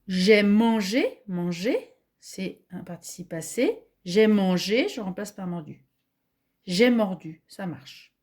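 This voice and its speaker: A woman giving a grammar lesson, speaking deliberately, spelling out letters and telling viewers to pause and answer. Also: mid-range voice, a little mellow. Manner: addresses viewers, asks them to pause. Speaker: French teacher.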